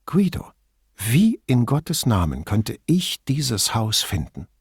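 A man reading an audiobook, voicing a lively, teasing Neapolitan woman police officer with a raised pitch. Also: takes it slowly, slightly rough, dry recording, clean studio sound, exaggerated voice. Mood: puzzled. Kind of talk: audiobook dialogue.

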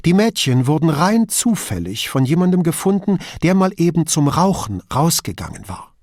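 Man reading stern female officer, firm and measured, slightly raised voice, dry. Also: on the high side, very animated, darkish tone, dry recording, voice pushed up. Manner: stern, deliberate.

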